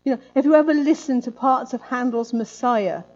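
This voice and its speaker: A woman's voice: a little high, fairly quick, a little mellow, muffled recording. A woman preaching a sermon in a conversational way, often adding tag questions.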